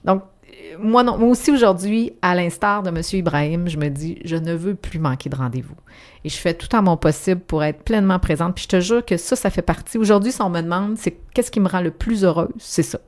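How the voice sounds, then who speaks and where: A woman speaks with a Québécois accent, a guest author in a radio conversation. Her voice sits somewhat low. She talks in a reflective way, circling back and restarting her sentences as she goes. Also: brisk, a little mellow. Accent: Québécois French. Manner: reflective, with frequent restarts and fillers.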